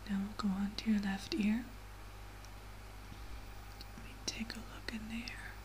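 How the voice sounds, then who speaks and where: A woman in a soft, breathy whispered role-play as a medical examiner, giving gentle, reassuring instructions. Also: medium pitch, low-quality recording. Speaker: ASMR performer playing a medical examiner. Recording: clearly audible background noise.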